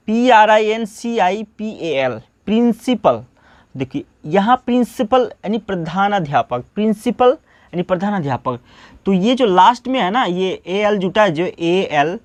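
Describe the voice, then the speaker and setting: Guy teaching english, fairly high voice, asks and answers himself over and over, dry sound. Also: dry recording. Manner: repetitive question-and-answer drilling, asks then answers himself. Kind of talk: classroom-style spoken lesson.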